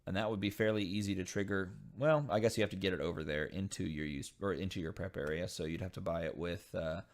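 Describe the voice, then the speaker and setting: A man hosting a casual unboxing video, reading game card text aloud and thinking over each card with frequent pauses. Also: low-pitched, steady tone. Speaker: channel host opening dice game packs.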